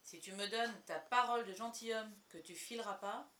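A sly, blustering pirate cook barks out his lines in a raised, rough voice, as a woman puts him on. He is loud and slangy, pitched above the reader's usual tone. This is storybook read-aloud. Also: normal speed, reverberant, lightly acted. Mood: gruff. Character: cunning one-legged pirate cook, middle-aged man, gruff.

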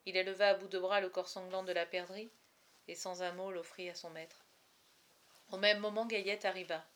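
A woman reading a novel aloud chapter by chapter, with expressive, dramatic storytelling. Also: on the low side, moderate pace. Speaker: reader.

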